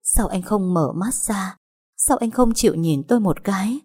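Crying in anguish, a woman plays a grieving young woman who wails, sobs and begs. She has a medium-pitched, warm, husky voice with lively intonation and a moderate pace.

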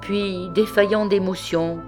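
A woman reading a classic French short story aloud in a calm, measured way. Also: mid-range voice, soft background music. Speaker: audiobook reader. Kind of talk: literary audiobook narration.

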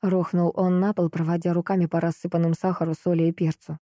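A woman narrating a novel in the first person, expressive and measured. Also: on the low side, dry recording, studio quality. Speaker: audiobook narrator.

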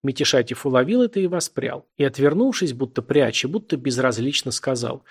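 A man narrating literary prose for an audiobook at an even, measured pace. His voice has a gravelly, fry-laden edge and a husky grain, at a middle pitch for a man.

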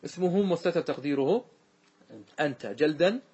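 Husky sheikh teaching grammar. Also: male voice, on the high side, animated, moderate pace, warm tone, lo-fi sound. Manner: explains step by step, quizzing students and repeating examples. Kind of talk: classroom grammar lesson.

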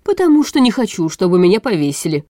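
A woman reading a storybook audiobook, voicing a bitter, sharp-tongued male vice-chancellor in a scornful, snappish way, close to the microphone. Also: mid-range voice, animated, moderate pace, dry recording, lightly acted.

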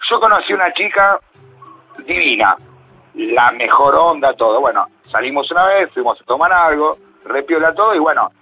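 A husky-voiced man with an Argentine accent, a radio caller telling a personal story in a roundabout, conversational way. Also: a little high, expressive, moderate pace. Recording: dull phone-in line, faint music.

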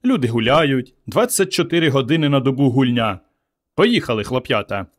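A man voicing an eager, excitable young woman in a storybook reading, shrill and quick to cheer. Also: lightly acted.

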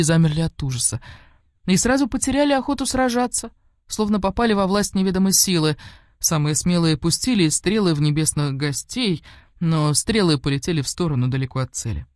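A woman reading an audiobook of a fairy tale in a measured, expressive storytelling manner. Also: low-pitched, no echo, clean studio sound. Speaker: audiobook narrator. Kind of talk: scripted narration of a fairy tale.

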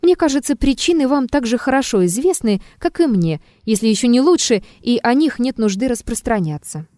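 A woman's voice: fairly high pitch, animated, fairly quick, dark tone, no room sound, studio quality, pitched above the performer's own voice, lightly acted. A woman voicing an insolent, mocking male blackmailer in an audiobook, talking rudely and with a sneer. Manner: sneering and rude.

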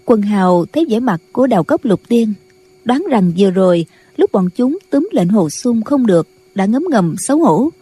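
Husky woman narrating an audiobook. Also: medium pitch, expressive, dark tone. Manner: measured storytelling. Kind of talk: scripted narration.

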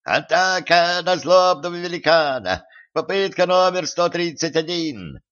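A man voicing a band of tiny armored knights with squeaky, shrill voices. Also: expressive, a little slow, a bit bright. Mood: brash. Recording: muffled lo-fi recording.

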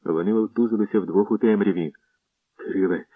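A man narrating a historical story in measured, scripted storytelling, on a dull lo-fi radio recording. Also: fairly low pitch, dry recording.

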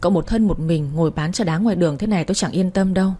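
A woman's voice: lowish voice, rapid-fire, mellow, breathy edge. A woman voicing a generous businessman who speaks kindly to a friend. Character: kind, generous successful businessman.

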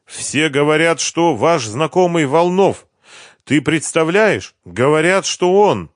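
A man reading an audiobook, voicing an excited gossiping woman neighbor on the phone. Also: low-pitched, slow pace, no echo, clean studio sound, voice pushed up.

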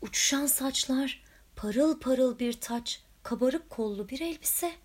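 A woman reading a children's picture book aloud with lively, expressive storytelling. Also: high voice, slow pace. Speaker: storybook reader.

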